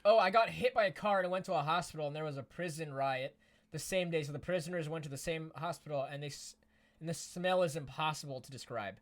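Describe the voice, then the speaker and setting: A young man with a nasal voice co-hosting a livestream, telling stories in casual chat with deadpan jokes. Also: on the high side, fast talker. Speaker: stream co-host.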